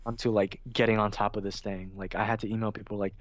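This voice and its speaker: A man's voice: lowish voice, flat delivery, quick pace, no echo. A young man chats casually as a guest, his talk loose and full of fillers. He livens up when he acts out his own delivery. The recording is dry and slightly dull, like a lo-fi mic. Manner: filler-heavy, says "like" and "you know" often. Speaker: guest, film video essayist. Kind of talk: casual interview chat.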